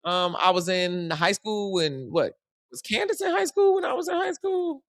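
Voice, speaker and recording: A deep-voiced woman from Chicago chats casually with her live-stream viewers, speaking bluntly and with plenty of slang straight to the chat. Her delivery is animated at a normal speed, and the recording is dry.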